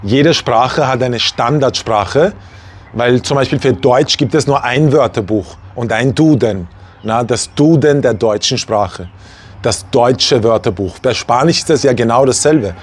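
A man in his forties from Vienna, speaking standard German without a regional accent, talking casually to camera as a language teacher, animated and full of fillers and asides. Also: medium pitch, a little slow, breathy edge. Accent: standard High German, no regional accent. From Vienna, Austria. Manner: animated, gestures a lot, many fillers and asides. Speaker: language teacher and channel host. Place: small room indoors.

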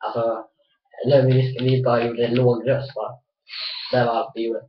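Very low-voiced woman gaming, roomy sound. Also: flat delivery, slight background noise. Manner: rambling, swears at the game, protective of sibling. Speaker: gamer playing online shooter with a sibling. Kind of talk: casual gaming chat. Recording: dull, roomy, off-mic home recording.

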